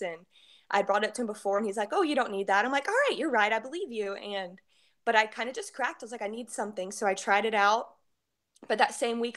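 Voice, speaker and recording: A woman's voice: medium pitch, fairly bright tone. A woman gives a heartfelt personal testimony with many fillers, crying at times. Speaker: guest sharing a testimonial.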